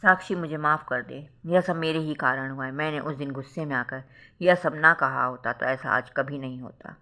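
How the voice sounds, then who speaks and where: A storyteller voicing a young wife who scolds her sister and later weeps with guilt, in a bright voice. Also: medium pitch, normal speed. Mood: tearful. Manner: scolding, then tearful and guilt-ridden. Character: stern young wife, protective older sister.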